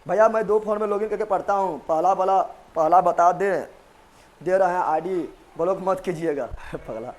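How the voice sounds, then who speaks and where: Speaking at a moderate pace in a high-pitched, darkish voice, this exam coaching teacher leads a live online revision class. He's playful and joking, quizzing students with memory tricks and asking his questions more than once.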